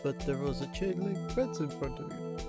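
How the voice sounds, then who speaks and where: A man's voice: a little high, normal speed, close to an everyday voice. A man voicing a skeptical young male defense lawyer from a video game, with a dry, questioning manner. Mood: probing. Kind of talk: video game character read-aloud. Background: loud game music.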